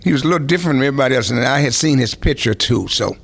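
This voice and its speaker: A man's voice: mid-range voice, lively intonation, very fast, vocal fry, breathy edge. An older man, a veteran musician, tells long rambling stories in an interview, with many restarts and asides. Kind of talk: anecdotal interview storytelling.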